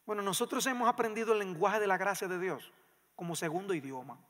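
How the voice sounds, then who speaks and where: A male pastor preaching a sermon in a church, emphatic and swinging between loud passages and hushed ones. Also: sits high, quick pace. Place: church sanctuary. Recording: long reverb of a church hall.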